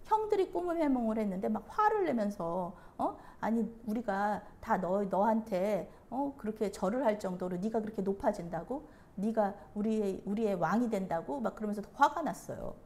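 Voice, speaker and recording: Woman pastor preaching, lively pitch, gravelly mellow voice, acts out the parts. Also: a little hiss or hum. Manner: animated storytelling, acts out the characters. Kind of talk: sermon.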